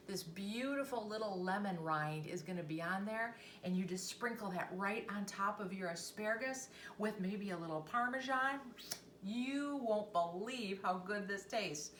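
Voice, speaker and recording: A woman's voice: mid-range voice, a bit bright, slight background noise. Chatty woman demonstrating cooking in a kitchen. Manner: chatty, enthusiastic, talks to viewers directly. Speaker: cooking show host. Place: home kitchen. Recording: roomy echo, mic at a distance, faint ambience.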